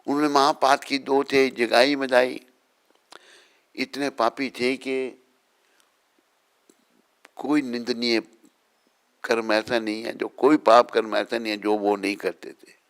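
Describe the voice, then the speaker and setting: Slow gravelly-voiced man preaching. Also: mid-range voice, little pitch movement, a bit bright. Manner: storytelling, chiding listeners, chanting prayers. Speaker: swami giving a morning lecture. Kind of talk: sermon. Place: temple gathering.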